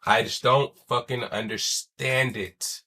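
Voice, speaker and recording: A chest cold leaves a young man wheezy and stuffy as he hosts his casual solo sports podcast, swearing and dropping slangy asides. His mid-range voice sounds pushed and bright, slow with fairly even intonation.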